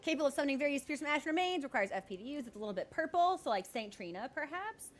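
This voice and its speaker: A woman giving casual, jokey live commentary as she streams a game, speaking in an animated way and swearing freely. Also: sits high, very fast.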